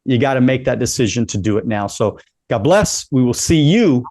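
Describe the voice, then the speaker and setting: A man's voice: mid-range voice, expressive, normal speed, darkish tone, no echo. A man in his late forties hosting a casual interview, upbeat and encouraging, often repeating himself as he talks. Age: 40s. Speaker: podcast host.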